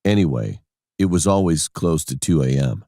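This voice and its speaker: A man's voice: extremely low pitch, animated, moderate pace, dark tone, no room sound, studio quality. A man narrating a scary personal story in a plain, matter-of-fact way.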